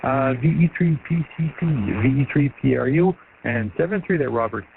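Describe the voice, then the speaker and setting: Chatty man checking in over radio, gravelly tone on a thin band-limited link. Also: mid-range voice, animated. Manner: chatty, many filler pauses. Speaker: ham radio caller. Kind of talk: casual radio chat. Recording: tinny radio audio with loud static.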